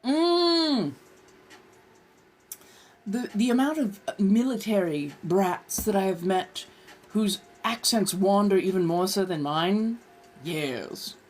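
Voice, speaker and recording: A Californian woman hosts a livestream in a casual chatty way, adopting a put-on posh colonial American accent and affected, genteel phrasing. She calls her listeners dears and darlings. Her mid-range voice is expressive, a little mellow, and slightly slow.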